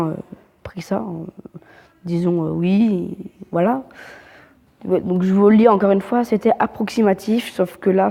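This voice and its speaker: A woman's voice: mid-range voice, dark tone, long reverb tail. A woman hosting casual game update commentary, hesitant and full of fillers and restarts, with a French accent when reading English. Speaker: gaming channel host.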